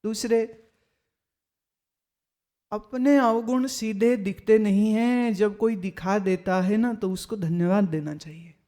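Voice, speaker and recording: A woman spiritual teacher giving a discourse, telling anecdotes in a lively way and acting out what other people said. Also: medium pitch, takes it slowly. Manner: lively storytelling, acts out other people's remarks.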